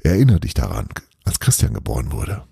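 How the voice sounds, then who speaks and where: A man's voice: extremely low pitch, huge pitch swings, a little fast, creaky, warm tone, husky, no room sound, studio quality, pitched below the performer's own voice, heavily acted. A man voicing a stubborn old Santa Claus who lectures his elves in a persuasive way, in a storybook reading. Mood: cheerful.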